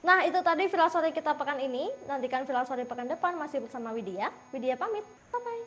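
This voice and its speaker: A woman's voice: sits high, quick pace, a bit bright, soft background music. A woman hosting a casual online interview, chatty and upbeat with frequent fillers. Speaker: host.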